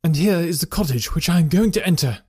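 A man voicing an agitated, anxious Victorian husband who speaks urgently and forcefully in a raised voice. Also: on the high side, expressive, fast, breathy edge, no echo, clean studio sound, pitched above the performer's own voice.

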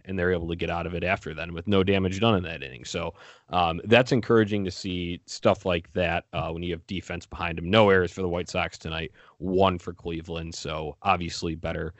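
Male sports podcast co-host, deep pitch, casual recap commentary, dry recording. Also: brisk, no room sound.

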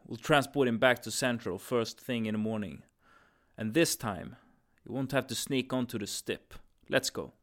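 A man's voice: medium pitch, normal speed, fairly bright tone, lightly acted. A man playing a firm, businesslike commander of a time-travel agency in an audio drama.

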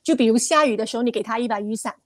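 A woman speaks as an expert guest. Her voice sits a little high and is recorded dry. She explains with examples and slips in English terms. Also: very fast, no echo. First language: not Cantonese; speaks it casually only. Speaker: expert guest, cancer researcher. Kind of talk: live interview, explanatory talk.

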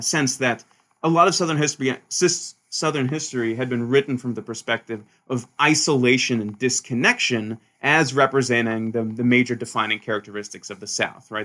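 A bright, forward-sounding male voice from Sweden, talking through his academic path as an interview guest. He speaks in lively bursts, restarts his sentences often, and checks in with a "right?" at the end of his points. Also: medium pitch, brisk. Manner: animated, frequent restarts and "right?" tags. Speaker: historian, author guest. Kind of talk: conversational interview answers.

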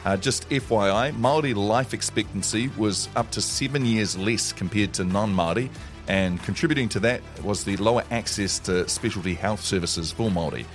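A man's voice: on the low side, moderate pace, faint music behind. A man with a New Zealand accent presenting conversational news chat as a morning radio co-host.

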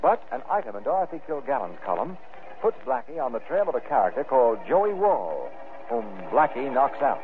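A man's voice: mid-range voice, big pitch swings, brisk. Old radio show announcer, a man. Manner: formal recap narration. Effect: old radio broadcast. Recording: tinny old radio recording with music.

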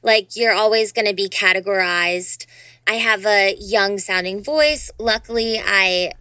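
Here the same twenty-something guest, a dancer and voice actor, talks casually in an interview with a youthful, upbeat energy and lots of "you know"s. She speaks unhurriedly at medium pitch, with a bright, smooth, forceful tone and no room sound.

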